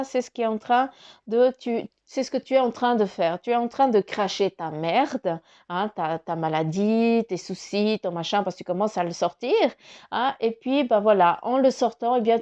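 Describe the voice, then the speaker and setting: A woman's voice: a little high, dark tone, lo-fi sound. A woman giving a casual spoken card reading, rambling with many fillers and restarts, her nose stuffy from crying. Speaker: spiritual card reader.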